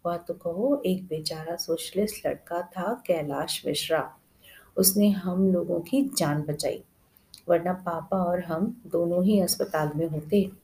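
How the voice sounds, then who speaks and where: A woman narrator voicing a lively, teasing young woman who talks fast and bosses others around, in a storybook reading. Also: on the low side, poor audio. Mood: worried. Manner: chatty, bossy, teasing.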